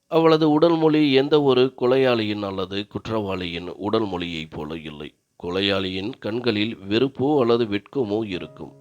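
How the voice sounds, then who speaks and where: A seasoned female police officer, measured and matter-of-fact, read by a man with a deep voice. Faint music plays under the dull recording.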